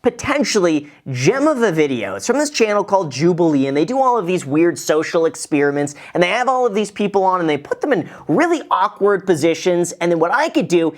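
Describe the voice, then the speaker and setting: A man's voice: high voice, sing-song, a little fast, hardly any pauses. A man hosting his own show and reacting to a video in a chatty, self-deprecating way. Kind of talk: casual reaction commentary.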